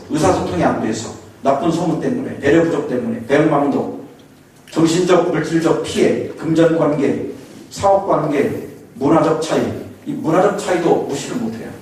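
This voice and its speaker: A fairly high-pitched, darkish-toned male voice belongs to a pastor from Korea's Chungcheong region delivering a sermon lecture. He tells folksy stories and chuckles often. The recording has an echoey hall, a distant mic, and faint hiss.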